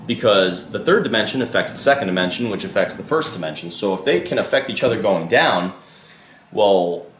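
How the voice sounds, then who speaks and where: Speaking fairly quickly with lively intonation, a man with a lowish voice vlogs his loose thoughts, the room reverberant and a little noisy. He is a vlogger and life coach who rambles casually, frequently losing track, restarting, and tossing in offhand swearing.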